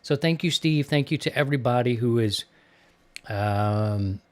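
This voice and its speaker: Speaking at a measured pace in a medium-pitched voice, this early-fifties man hosts a hobby ham radio show. The talk is a casual, candid, chatty podcast conversation.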